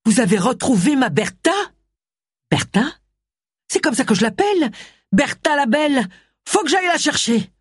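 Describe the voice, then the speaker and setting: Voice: high-pitched, animated, normal speed, long pauses, slightly rough, no room sound, clean studio sound, pitched above the performer's own voice. A reader doing a quavering, pumpkin-doting man. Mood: fervent. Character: distraught middle-aged man, doting on his prize pumpkin.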